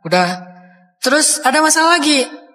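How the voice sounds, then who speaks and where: A man's voice: very high-pitched, moderate pace. A man preaching a sermon, telling stories casually and acting out the quoted voices with feeling. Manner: casual Indonesian preaching with lively acted quotes. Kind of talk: sermon storytelling. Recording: long hall reverb.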